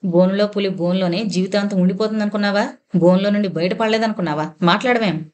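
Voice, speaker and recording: A woman reading out the lines of a furious young husband in an audio novel, delivered fast and hard. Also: mid-range voice, fairly even intonation, a little mellow, lightly acted.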